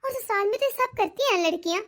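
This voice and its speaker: A woman's voice: extremely high pitch, animated, fast, a bit bright. A woman voicing a sensible young daughter-in-law in a cartoon, polite and reassuring. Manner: polite, reassuring, level-headed. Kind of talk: cartoon dialogue.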